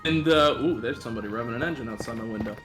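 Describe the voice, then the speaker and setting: A man streaming a game, chatting casually with friends, animated and swearing often as he mimics characters. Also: medium pitch, racing, over loud music. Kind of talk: casual gaming chat.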